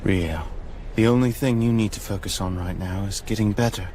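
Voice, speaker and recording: A man plays a calm and serious anime protector. His voice is lowish and measured in an English dub style, with clear ambience noise behind it. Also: lightly acted. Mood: calm, concerned.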